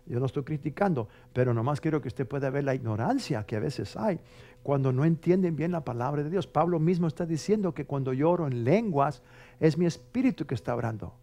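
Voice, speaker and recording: A man's voice: a little high, lively intonation, fairly quick. A man preaching a television sermon as a pastor, emphatic and conversational, often checking in with his listeners and acting out prayer styles. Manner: emphatic, conversational, with frequent rhetorical tags; mimics dramatic prayer voices loudly for effect.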